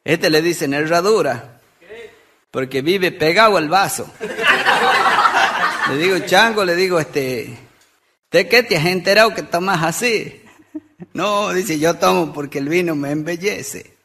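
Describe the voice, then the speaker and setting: A man telling quick jokes between songs on stage, acting out the characters and laughing at his own punchlines. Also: fairly high pitch, bright, forceful tone. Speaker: folk comedian and singer. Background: music.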